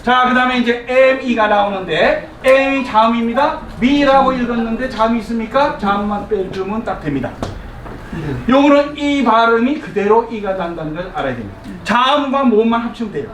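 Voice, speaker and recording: A high-voiced man teaches English to a live class at a fairly quick clip, coaching the group through repeat-after-me drills and chuckling as he explains. Recorded from a distance, his lively, coaxing voice rings through an echoey room with crowd noise and a faint ambient hum. It's a live classroom lecture built on call-and-response.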